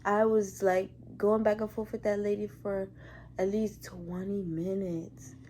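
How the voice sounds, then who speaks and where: Animated young woman telling a story. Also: mid-range voice, unhurried, slight background noise. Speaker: hospital care worker. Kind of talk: casual story-time vlog.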